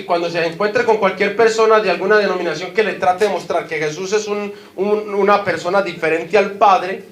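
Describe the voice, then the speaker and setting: A man with a Colombian Spanish accent preaching a sermon as pastor, putting questions to the congregation and stressing his points. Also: sits high. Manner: preaching with rising emphasis, asks the congregation questions. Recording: echoey hall.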